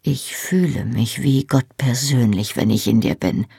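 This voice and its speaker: A reader voicing a tender, teasing young Scottish husband in an audiobook, speaking softly and intimately, often in a whisper. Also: mid-range voice, unhurried, vocal fry, breathy edge, dry recording, studio quality, heavily acted. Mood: intimate, playful. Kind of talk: audiobook reading.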